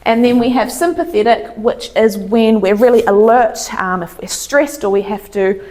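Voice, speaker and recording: A woman's voice: on the high side, moderate pace, a little mellow. A woman chiropractor presenting an informal educational talk, explaining things in simple, everyday terms. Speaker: chiropractor giving a health talk.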